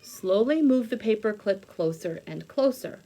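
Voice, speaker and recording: This children's teacher has a mellow, mid-range voice with lively intonation and an unhurried pace. She reads aloud and demonstrates, thinking out loud and walking through steps simply. The homemade recording carries noticeable background noise.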